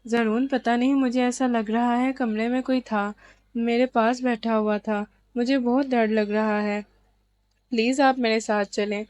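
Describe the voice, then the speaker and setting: A woman's voice: fairly high pitch, steady tone, darkish tone, no echo, natural voice. A woman reading as a frightened young wife who pleads and panics. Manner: fearful, pleading.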